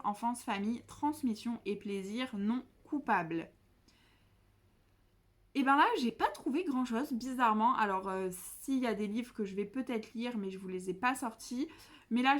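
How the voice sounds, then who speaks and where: A chatty young woman talks through her reading plans in a casual vlog. Her voice sits a little high, and she keeps stumbling, restarting and poking fun at herself as she goes. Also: normal speed, fairly bright tone. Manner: chatty, self-mocking, many fillers and restarts. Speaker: book vlogger. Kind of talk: casual chat.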